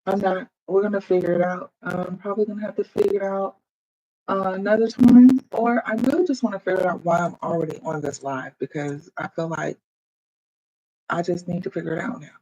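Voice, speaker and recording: Here the audio is poor, carrying a steady, fairly quick, slightly mellow mid-range voice. Seated at a computer indoors with headphones on, the livestreamer chats casually with viewers and thinks aloud while tinkering with audio settings on a computer microphone.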